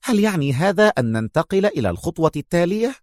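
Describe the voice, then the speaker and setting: A man voicing a proud, sharp-tongued young woman agent in an audiobook, speaking in a teasing, brisk way. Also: high voice, expressive, no echo, studio quality, voice pushed up. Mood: eager.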